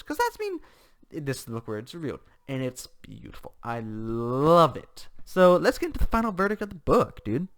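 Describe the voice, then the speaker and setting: A young man giving an enthusiastic, animated casual book review, gushing as he talks. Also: on the high side.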